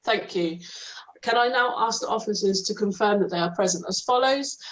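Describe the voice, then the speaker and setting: A woman's voice: mid-range voice, moderate pace. Woman chairing over a video call. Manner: reads procedure aloud with hesitant ums. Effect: heard over a video call. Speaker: committee chair. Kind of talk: formal meeting procedure. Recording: dull lo-fi video call audio.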